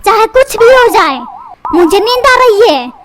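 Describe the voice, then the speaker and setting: A woman's voice: extremely high pitch, big pitch swings, unhurried, very noisy, heavily acted. Whiny lazy cartoon boy. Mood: cheeky. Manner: whiny, cheeky backtalk. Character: lazy cheeky cartoon schoolboy, stubborn. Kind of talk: cartoon dubbing. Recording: loud background music. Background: loud music.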